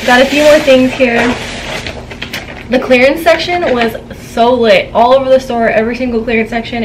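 Young woman vlogger, chatty and giggly haul talk, higher voice, background noise, home room, camera mic. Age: young adult. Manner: chatty, giggly, gossipy storytelling. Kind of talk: casual haul chat. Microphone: camera on a tripod, seated.

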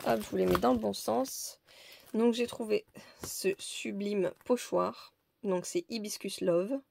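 A woman's voice: mid-range voice, steady tone, a little slow, gravelly, a little mellow, a little hiss or hum. A woman presenting a crafting haul in a casual, hesitant, chatty way with many fillers. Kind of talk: casual show-and-tell haul.

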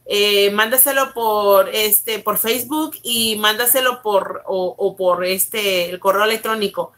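A woman pastor teaching the Bible on a live stream from her bedroom at home, urging viewers along briskly and greeting them by name. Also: mid-range voice, a bit bright.

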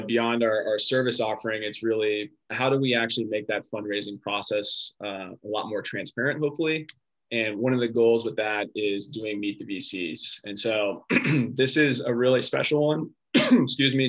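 A man's voice: on the low side, a bit bright, low-quality recording. A man, a sales director, hosting a video call panel with an enthusiastic, loosely restarting way of talking.

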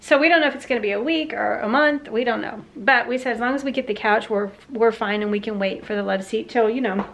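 Woman, 40s, Southern American accent, chatty home vlogger, slightly high voice, filmed at arm's length indoors. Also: fast talker, hardly any pauses, fairly bright tone. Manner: chatty, rambling with many fillers and restarts. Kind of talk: casual chat. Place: her living room at home, indoors. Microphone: handheld camera at arm's length.

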